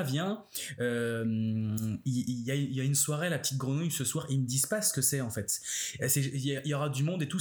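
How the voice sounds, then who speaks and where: French podcast host acting out anecdotes. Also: male voice, mid-range voice. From France. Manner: animated anecdotes, acts out quotes. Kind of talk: casual conversation.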